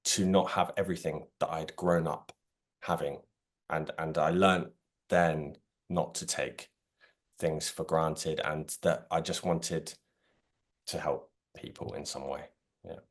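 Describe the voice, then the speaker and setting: A man in his thirties, a guest telling his life story in an interview, reflective and thoughtful. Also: low voice. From United Kingdom. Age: 30s. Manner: reflective and thoughtful, laughing at times. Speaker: podcast guest, recovery coach.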